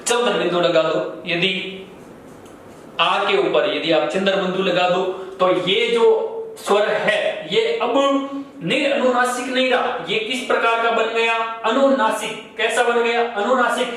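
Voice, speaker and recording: A man's voice: high voice, fairly even intonation, a little slow, a bit bright. A man teaching a grammar class, who asks questions and answers them himself, repeating key terms. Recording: very echoey room, far from mic, faint noise.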